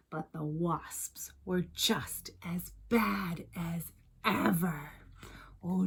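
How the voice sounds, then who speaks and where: With a medium-pitched voice, a woman expressively reads a picture book to young listeners the way a teacher would. She stops for chatty asides and asks them questions.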